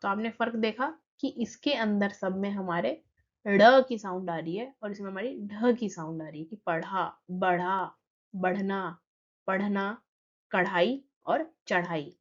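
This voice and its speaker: A woman's voice: mid-range voice, dull audio. Patient woman teaching a school lesson. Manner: patient, reads poem lines slowly then explains.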